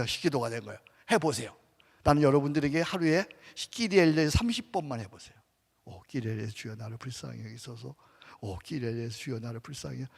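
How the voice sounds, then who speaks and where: A male pastor preaching a sermon at a conference. He swings between loud calls and hushed, prayerful murmurs, asking his listeners questions and having them repeat prayers. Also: a little high. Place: church sanctuary with long reverb. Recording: reverberant church hall.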